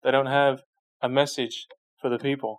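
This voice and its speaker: A man's voice: mid-range voice, level tone, moderate pace. A man preaching a sermon, reading scripture aloud and then explaining it in plain conversational terms, stopping now and then to find the next verse. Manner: frequent restarts while searching for verses. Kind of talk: sermon Bible teaching.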